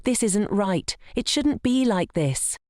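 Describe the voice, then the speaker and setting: Sly young daughter, high sugary mockery, put on by a female narrator, mellow tone. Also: animated, slow, no echo, studio quality. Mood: frustrated. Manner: sweetly mocking.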